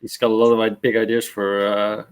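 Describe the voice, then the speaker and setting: Gravelly-voiced man chatting as a guest. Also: lowish voice, flat delivery, a little fast, rough recording. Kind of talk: casual chat on a live stream.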